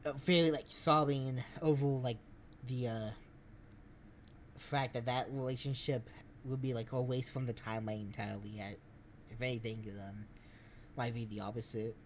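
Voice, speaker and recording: A man streaming, giving casual game commentary in a rambling, halting way. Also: mid-range voice, fairly even intonation, a little hiss or hum.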